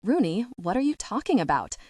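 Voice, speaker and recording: A woman's voice: mid-range voice, very animated, brisk, mellow, husky, dry recording, studio quality. A woman reading the lines of a caring young woman friend in an audiobook, affectionate and teasing.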